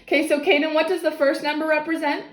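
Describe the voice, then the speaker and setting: Female tutor, high voice, patiently explaining to a young child step by step, encouraging, roomy echo on the recording. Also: little pitch movement, quick pace. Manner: encouraging, explains step by step with frequent checks for understanding. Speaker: maths teacher tutoring a child. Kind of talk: one-on-one lesson, explaining to a child. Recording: echoey, roomy sound.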